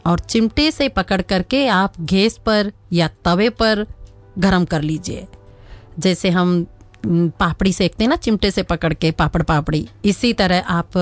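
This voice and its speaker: A woman with a mid-range voice presents a home-remedy segment on the radio. Patient and instructional, she repeats each remedy slowly and keeps checking in with a rising "okay?".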